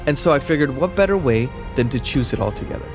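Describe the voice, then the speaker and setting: A booktube host chats casually to camera, rambling along with lots of fillers, especially "kind of." He speaks fast and animatedly in a medium-pitched voice, with music playing in the background.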